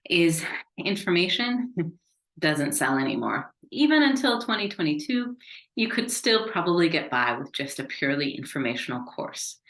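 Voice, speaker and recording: Low-pitched and a little bright, this American woman's voice delivers a conversational business webinar with an upbeat feel. She's a consultant, and the space around her sounds echoey.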